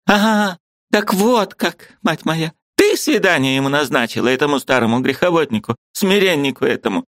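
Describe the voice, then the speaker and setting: A man voicing a sharp-tongued, agitated old woman who scolds her niece sarcastically. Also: a little high, lively intonation, normal speed, no room sound, clean studio sound, voice pushed up. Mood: scolding. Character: sharp-tongued old aunt, gruff yet loving woman.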